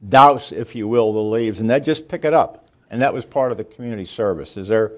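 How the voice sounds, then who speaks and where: A man's voice: on the low side, brisk. Older man asking a casual question.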